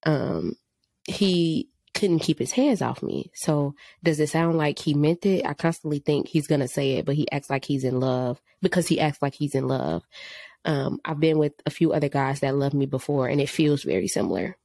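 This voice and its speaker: A woman's voice: sits low, moderate pace, gravelly, mellow, no echo, clean studio sound. A woman co-hosting a casual podcast, reading a listener's letter aloud and then giving firm advice. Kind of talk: casual chat.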